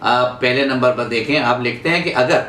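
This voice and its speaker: A man teaching Urdu pronunciation, reading out words slowly and repeating each one for emphasis. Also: medium pitch, bright, forceful tone, echoey room, a little hiss or hum. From India. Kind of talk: slow explanatory lesson.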